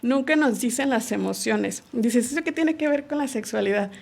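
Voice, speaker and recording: A woman, a guest on a podcast, calmly explaining sexual education in casual conversation and acting out small quoted dialogues. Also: a little high, moderate pace, creaky.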